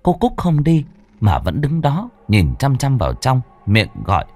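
A man's voice: medium pitch, huge pitch swings, unhurried, darkish tone, no room sound, soft background music. Dramatic male ghost-story narrator, wide-ranging. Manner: suspenseful, vivid storytelling cadence.

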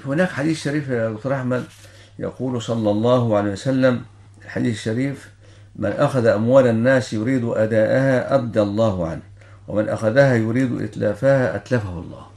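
A man's voice: medium pitch, fast talker, gravelly, a little mellow. An older Egyptian man speaking as a religious scholar, giving a ruling in formal Standard Arabic with quoted citations. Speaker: Islamic law scholar answering questions.

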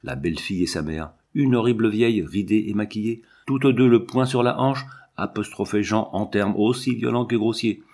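A man narrating a children's storybook aloud, with an expressive, lively reading. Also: lowish voice, moderate pace.

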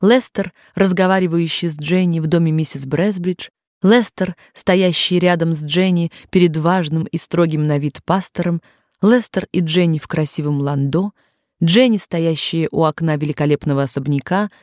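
A woman narrating an audiobook in a measured, even-paced reading. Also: sits low, dry recording, clean studio sound.

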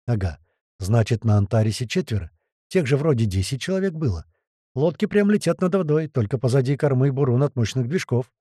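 A man narrating a first-person audiobook with vivid, lively storytelling. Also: medium pitch, a little fast, husky, dry recording, studio quality.

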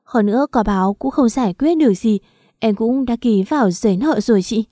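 A frightened young woman pleads tearfully in this audio story, played by the woman narrator. Her pitch sits a bit higher than the narration while the tone stays mellow. The sound is dry and close. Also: fairly quick, no echo, lightly acted. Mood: pleading.

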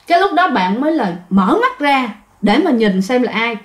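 Southern vietnamese lady, kinda high voice, chatty ghost story telling, keeps talking to the listeners. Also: very animated, normal speed. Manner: chatty, often addresses listeners directly.

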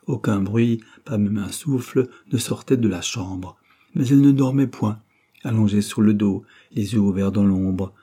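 A man reading a classic novel aloud as an audiobook, in a measured, expressive way. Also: on the low side, breathy edge. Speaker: audiobook narrator. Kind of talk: literary audiobook narration.

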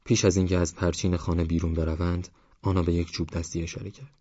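Deep, flat-voiced male audiobook narrator. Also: dry recording, highs cut off. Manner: calm, even, measured reading.

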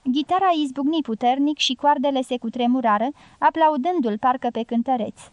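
A woman's voice: high voice, a little mellow, no room sound. Woman narrating a literary audiobook.

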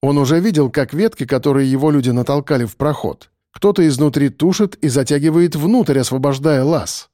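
A man narrating a dark audiobook in a dramatic, expressive way. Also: fairly high pitch, a little fast, few pauses, no echo, studio quality.

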